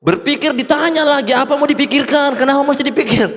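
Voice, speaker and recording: A man telling his story to an audience in a lively, animated way, acting out the dialogue and laughing often. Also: very high voice, quick pace. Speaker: motivational speaker. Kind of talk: testimonial talk to an audience. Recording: reverberant hall.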